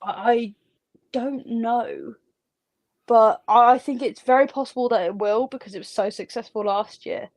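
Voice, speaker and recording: A woman's voice: fairly high pitch, normal speed, a little mellow, no echo. A woman theme park ride operator, chatting candidly as a guest in a studio interview. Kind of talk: casual interview chat.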